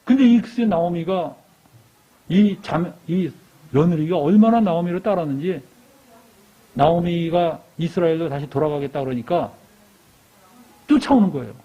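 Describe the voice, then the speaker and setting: A man preaching a sermon in a church, telling a story with lively questions to the congregation. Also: a little high, normal speed, long pauses. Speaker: lay preacher. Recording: dull lo-fi church recording.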